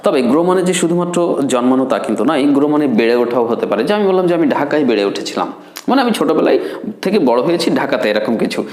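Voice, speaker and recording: A man teaching a spoken English lesson, drilling word forms with slow repetition. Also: a little high, animated, darkish tone. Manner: repeats words and forms slowly, drills pronunciation. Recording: echoey room.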